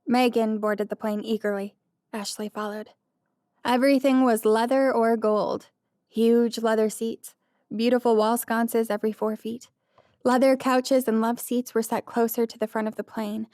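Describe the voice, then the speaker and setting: A woman's voice: a little high, a little mellow, dry recording, studio quality. Woman narrating a light romance audiobook. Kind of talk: scripted narration.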